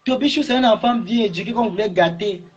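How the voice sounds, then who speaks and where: A man taunts a rival on a livestream, hammering the same questions again and again. His voice is pitched high and husky. The audio is dull and lo-fi. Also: quick pace. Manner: taunting, repeats questions, rising to shouts. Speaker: social media livestreamer. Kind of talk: mocking livestream rant.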